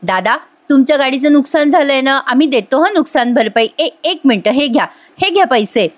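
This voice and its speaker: A woman voicing a sweet-talking young wife who calmly persuades and pleads in a sisterly way. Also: high voice, brisk. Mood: coaxing.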